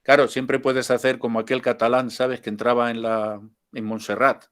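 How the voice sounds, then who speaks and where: An older man, teaching a spiritual class in a chatty, informal way. He tells jokes, laughs easily and drifts into asides. His pitch sits in an ordinary middle range. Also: flat delivery, normal speed, fairly bright tone.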